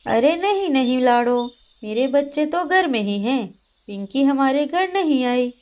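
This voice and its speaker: A woman's voice: sits high, expressive, measured pace, a little mellow. A woman voicing a sympathetic parrot neighbor in a cartoon. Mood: concerned.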